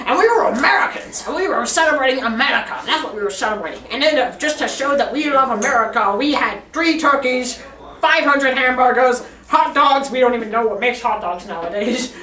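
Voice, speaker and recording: In a teenage girl's high-pitched, bright voice, a student improvises a rambling, absurd story in a classroom, talking fairly quickly with lively intonation and a forceful tone and giggling often. A camera set up across the room captures her from a distance, and the classroom is echoey.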